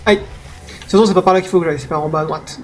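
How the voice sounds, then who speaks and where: A man giving let's play commentary, excitable, yelping and talking back to the game as he plays. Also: on the high side, racing, over loud music. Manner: excitable, yelps and talks to the game. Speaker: gaming streamer.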